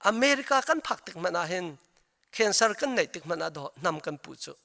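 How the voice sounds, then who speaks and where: A man's voice: high voice, very animated, very slow, vocal fry, bright, forceful tone. A man, a pastor, preaching a sermon in an earnest, storytelling way.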